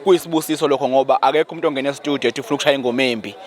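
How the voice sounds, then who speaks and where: A man's voice: mid-range voice, racing. A man with a Zulu accent, a musician talking casually as an interview guest in a humble, thankful, repetitive way.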